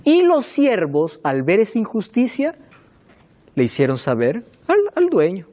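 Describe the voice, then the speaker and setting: Animated preacher with lively, swooping pitch. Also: a little slow. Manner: expressive storytelling with rhetorical questions to the congregation; repeats phrases for emphasis. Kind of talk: sermon.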